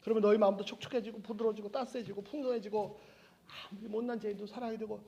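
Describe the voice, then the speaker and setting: A man with a high-pitched voice preaches as a Bible teacher. He is lively and often chuckles, and he slips into the voices of the people in the passage he is explaining. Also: rapid-fire, creaky, highs cut off. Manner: animated, acts out quoted voices, chuckles often. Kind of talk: sermon.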